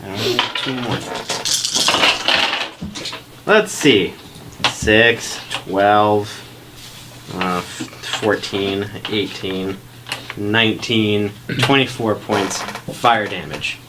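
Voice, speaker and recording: A man's voice: on the low side, extremely slow, pauses often. A man chatting casually as a player in a tabletop game. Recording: noisy room with table clicks.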